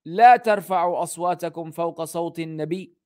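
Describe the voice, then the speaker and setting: With a voice pitched on the high side and somewhat dark in tone, this man teaches an Islamic lesson. He alternates Arabic passages with English renderings, reciting the Arabic fast and fluently while stumbling through the English.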